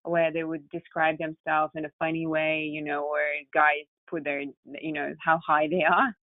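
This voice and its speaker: Speaking in a low-pitched, flat voice at a moderate pace, a Russian-accented woman shares her journey founding a tech company during a podcast interview. The audio has no room sound but comes through muffled and narrow, almost phone-like.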